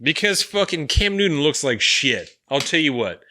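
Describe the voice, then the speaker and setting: A man's voice: on the high side, very animated, normal speed, sharp tone. A man co-hosting a talk podcast, blunt and sarcastic, swearing freely about sports and politics. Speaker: podcast co-host. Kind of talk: casual political and sports chat.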